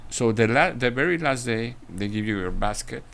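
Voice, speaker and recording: A cafe owner from Mexico, talking in a hesitant way with many fillers and restarts in a casual interview. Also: male voice, mid-range voice, animated, moderate pace, gravelly, fairly bright tone.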